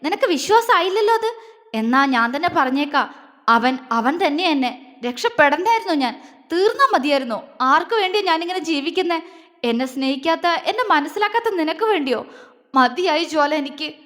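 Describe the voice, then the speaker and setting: A woman voicing a hurt, furious young man who shouts and stumbles over repeated words, recorded with a long hall reverb. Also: high-pitched, expressive, moderate pace, voice pushed up. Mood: anguished shouting.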